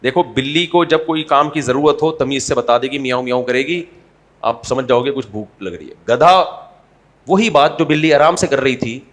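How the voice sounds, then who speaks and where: A man with a medium-pitched, slightly bright voice preaches an Islamic sermon in Urdu. His style is conversational and humorous, and he asks the audience rhetorical questions.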